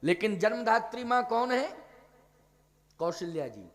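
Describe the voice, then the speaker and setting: High-voiced preaching man in a hall. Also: sing-song, unhurried. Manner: preaching with rhetorical questions to the audience. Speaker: spiritual teacher giving a Ramkatha discourse.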